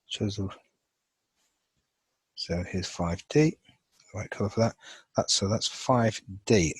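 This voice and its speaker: A man with a lowish, slightly husky voice walks through a chemistry lesson, thinking aloud as he marks up a chart. He talks in a loose, unscripted way, full of fillers and restarts. The sound is dry and close. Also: dry recording, poor audio. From England. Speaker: chemistry teacher. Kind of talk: informal lesson over a drawn screen.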